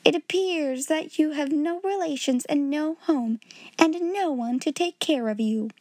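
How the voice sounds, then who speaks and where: A woman voicing a cold, domineering schoolmistress with a sharp, scolding manner, in a storybook reading. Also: sits high, unhurried, dry recording, voice pushed up. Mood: angry, scornful.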